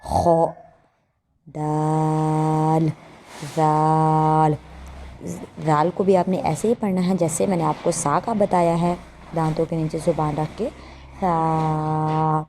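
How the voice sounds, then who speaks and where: Low, flat-voiced Pakistani woman teaching. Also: slight background noise. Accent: Pakistani Urdu. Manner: drawn-out letter names with quick soft explanations. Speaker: Quran reading teacher. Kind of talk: slow letter-by-letter recitation lesson.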